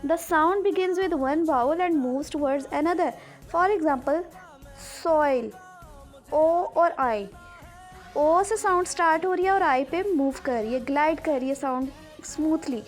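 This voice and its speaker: A woman's voice: sits high, soft background music, poor audio. A woman teacher with a Pakistani accent giving an English grammar lesson to young students, mixing English with Urdu explanations. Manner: slow, switches between English and Urdu explanations.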